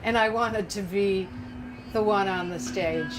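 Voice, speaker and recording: A woman's voice: mid-range voice, measured pace, music in the background, rough recording. An older woman speaking in an interview, reflective and reminiscing. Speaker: interviewee, animal activist and former singer.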